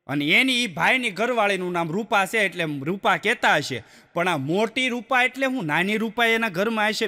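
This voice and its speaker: A man's voice: sits high, bright, forceful tone. A male stand-up comedian, telling folk jokes in a chatty way with acted quotes. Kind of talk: Gujarati folk comedy storytelling. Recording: long hall reverb.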